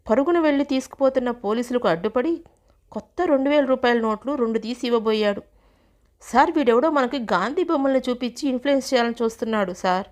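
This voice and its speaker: A woman narrates a family drama story with steady, descriptive reading. Her voice sits somewhat high for a woman and stays even and plain.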